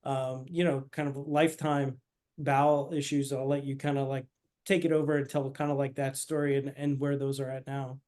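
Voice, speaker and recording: Flat-voiced hesitant male interviewer. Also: mid-range voice, normal speed. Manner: hesitant, filler-heavy, gentle prompting. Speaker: naturopathic doctor hosting the interview. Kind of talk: interview questions.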